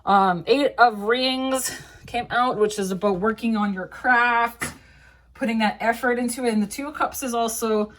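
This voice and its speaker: A woman's voice: on the high side, normal speed, a little hiss or hum. A young woman giving a casual tarot reading, rambling with many fillers, laughing often and swearing now and then. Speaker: tarot reader.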